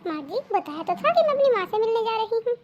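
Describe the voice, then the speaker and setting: A woman's voice: very high-pitched, sing-song, fast talker, lo-fi sound, background noise. Woman doing a suspicious cartoon mother-in-law. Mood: accusing. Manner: anxious, accusing. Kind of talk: cartoon dubbing.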